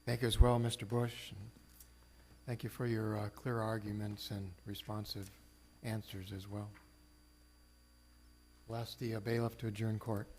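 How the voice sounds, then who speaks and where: Flat, lowish male judge over faint hum. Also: normal speed, long pauses. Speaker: presiding judge. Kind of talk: formal closing remarks. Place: courtroom.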